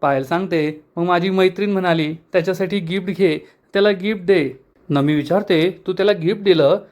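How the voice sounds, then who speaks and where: Guy doing a scripted episode recap, slightly high voice, reads out the characters' lines. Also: a little fast, darkish tone. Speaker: serial episode recap narrator.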